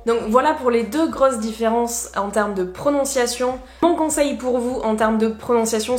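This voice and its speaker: Relaxed teaching woman, higher voice. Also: reverberant. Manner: relaxed, explanatory, many fillers. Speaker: English teacher. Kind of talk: casual teaching talk.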